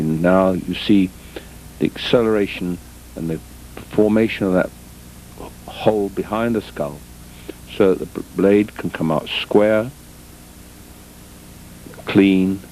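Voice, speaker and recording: A coach gives measured, deliberate instructional commentary over sports footage in short phrases separated by pauses, with a darkish tone to his voice. The old VHS recording is noisy and muffled, with rumble.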